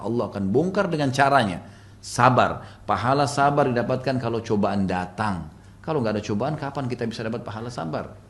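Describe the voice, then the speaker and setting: A man preaching to a congregation, retelling a story dramatically and jumping high in pitch when he quotes the people in it. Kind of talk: storytelling sermon.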